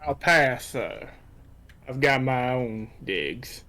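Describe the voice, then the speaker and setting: Folksy drawling cowboy hero, a man putting it on, bright edge. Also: medium pitch, expressive, slow, heavily acted. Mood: laconic. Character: laconic male cowboy adventurer.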